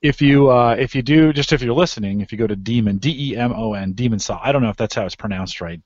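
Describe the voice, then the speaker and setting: A man's voice: mid-range voice, fast, a little mellow, dry recording, muffled recording. A man hosting a casual discussion, talking in loose, rambling sentences full of restarts and fillers. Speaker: podcast host.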